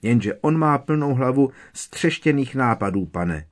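A man voicing a tiny, servile female house-elf with a squeaky, trembling voice, reading a storybook. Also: animated, lightly acted. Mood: anxious. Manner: fearful, deferential, keeps saying sir.

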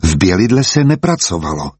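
A man reading an audiobook aloud in a calm, measured storytelling manner. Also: low voice, slightly rough, no room sound. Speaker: audiobook narrator. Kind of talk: scripted audiobook narration.

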